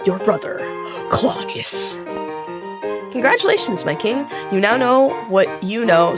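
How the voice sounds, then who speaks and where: With a creaky voice pitched in the middle range, a woman works through an interactive gamebook aloud. Between passages she chats irreverently, swears, and laughs at herself, all over background music.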